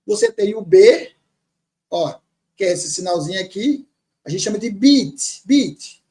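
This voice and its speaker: A man teaching grammar, reading words slowly from a text and repeating them patiently. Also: high voice, very animated, dark tone. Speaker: teacher of Syriac Aramaic.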